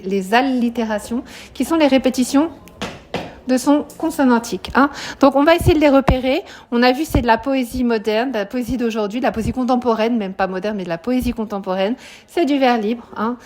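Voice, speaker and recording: Higher-voiced woman teaching a class. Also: a little mellow. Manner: explanatory, questions students, frequent "hein" tags. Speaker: high school French teacher. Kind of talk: live classroom lesson. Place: classroom with students.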